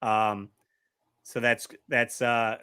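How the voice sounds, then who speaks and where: A man's voice: medium pitch, flat delivery, very slow, pushed and bright, clean tone. A man co-hosting a casual podcast, rambling and laughing as he loses his train of thought. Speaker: podcast co-host. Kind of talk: casual chat.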